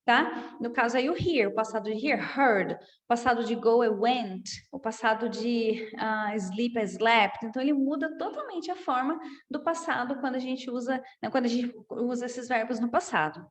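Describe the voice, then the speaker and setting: A woman with a Brazilian Portuguese accent teaching an English lesson in a casual way, often checking in with listeners and repeating examples slowly. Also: on the high side. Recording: echoey room with long reverb.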